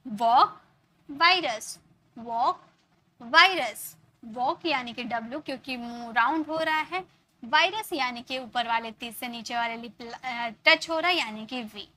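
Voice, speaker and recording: Bright, high-voiced woman teaching English. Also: moderate pace. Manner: explains step by step, repeats example words, checks in with "ok". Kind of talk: online grammar lesson.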